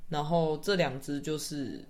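A man's voice: a little high, fairly even intonation, unhurried, darkish tone. A young man, chatting casually as a podcast guest, telling a story in rambling bits that trail off, laughing often. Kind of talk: casual chat.

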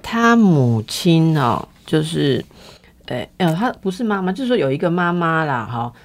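Low, gravelly woman host. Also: big pitch swings, normal speed. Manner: chatty, frequent "ha" tags, probing questions. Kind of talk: casual interview chat.

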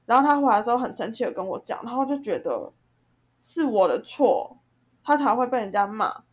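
On the high side and a bit breathy, this young woman's voice moves fairly quickly as she vents about a group dispute. She's a podcast co-host, and her casual chat turns into heated, animated storytelling.

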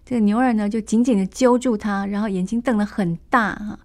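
A woman retells an old classic novel in a relaxed, chatty way, full of small fillers and asides. Her voice sits at an ordinary mid pitch for a woman. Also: a little fast. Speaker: storyteller.

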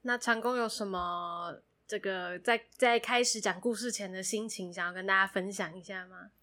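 A woman's voice: mid-range voice, steady tone, moderate pace, sharp tone. A woman co-hosting a podcast in casual, playful banter. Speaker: podcast co-host.

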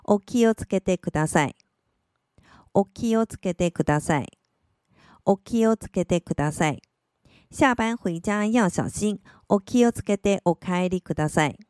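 A woman teaches vocabulary in a scripted lesson, saying each word several times in a slow, careful way. Her voice is recorded close and dry, with no room sound. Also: mid-range voice, darkish tone, dry recording. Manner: repeats words slowly and clearly for practice. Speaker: Japanese language teacher. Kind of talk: scripted language lesson narration.

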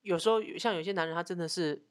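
A woman's voice: lowish voice, fast, dry recording, clean studio sound. A woman co-hosting a frank relationship chat, blunt and teasing. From Taiwan. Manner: blunt, teasing, asks for agreement often. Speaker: co-host.

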